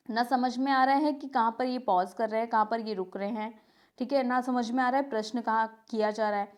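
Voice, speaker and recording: A woman teacher with a fairly high voice talks students through a grammar lesson. She keeps repeating the key terms, asks a question and answers it herself, and checks in with "okay" between points. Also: a little mellow.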